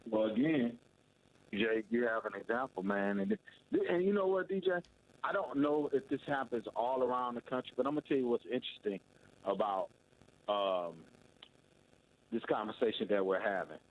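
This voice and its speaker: Man on a tinny phone-like line. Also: mid-range voice. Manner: measured, reflective, says "man" often. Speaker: radio show co-host. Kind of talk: casual radio talk.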